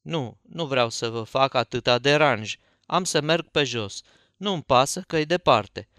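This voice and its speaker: A man's voice: mid-range voice, lively intonation, fairly bright tone, no room sound, clean studio sound. A man doing a cocky, showy teenage boy. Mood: polite. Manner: theatrical, smooth-talking.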